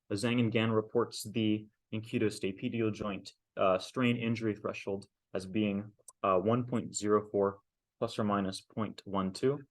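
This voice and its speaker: A man in his twenties giving an academic technical presentation as a student, speaking carefully and hesitantly with frequent ums and pauses. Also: on the low side. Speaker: master's student presenting a thesis defense.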